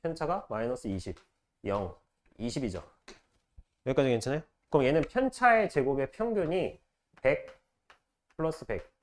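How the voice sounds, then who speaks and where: A man teaching math to a class, firing short questions at students and repeating key phrases slowly. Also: medium pitch. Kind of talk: classroom lecture.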